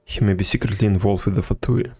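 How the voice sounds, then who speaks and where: This is a man live-streaming a game in a very low voice with plenty of creak. He comments casually and drily, now and then reading the dialogue out in an offhand way. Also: fairly even intonation, fast, a little mellow, faint music behind.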